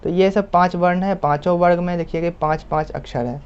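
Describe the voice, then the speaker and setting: A man teaching a lesson patiently, repeating points and drawing out example sounds slowly. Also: high voice, steady tone, smooth. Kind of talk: explanatory lesson. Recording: muffled lo-fi recording.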